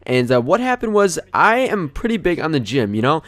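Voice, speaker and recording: A man's voice: fairly high pitch, fairly quick, dry recording. Rambling young man telling a story. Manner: rambling, animated, many fillers. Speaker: gaming channel host. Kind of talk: casual storytelling over gameplay.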